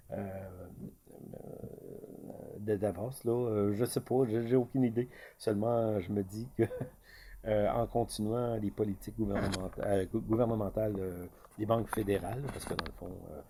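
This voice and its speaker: Background noise runs under a man's lowish voice as he delivers casual market commentary. He's from Quebec, speaks with a Québécois French accent, and hesitates a lot, with many fillers and restarts.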